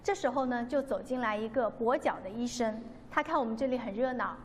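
A woman's voice: fairly high pitch, fairly quick. A woman giving an earnest, devout personal testimony, telling the story and acting out the dialogue. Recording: long reverb, faint background noise.

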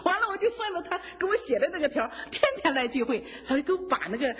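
A woman giving an emotional personal testimony, with folksy, animated storytelling full of fillers, laughing and tearful at times. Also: sits high, fast. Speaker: church member giving testimony. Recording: dull reverberant hall sound.

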